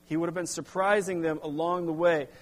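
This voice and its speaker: A middle-aged man preaching a sermon as pastor, halting with restarts, then pressing into emphatic bursts. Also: a little high, steady tone. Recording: long hall reverb.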